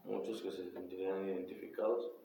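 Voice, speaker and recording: Laid-back Mexican man, low voice. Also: little pitch movement, brisk, creaky, a crowd in the background. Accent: Mexican Spanish. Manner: laid-back slang-heavy street talk. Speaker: rapper guest. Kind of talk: casual chat. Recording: echoey room, muffled sound, faint hiss.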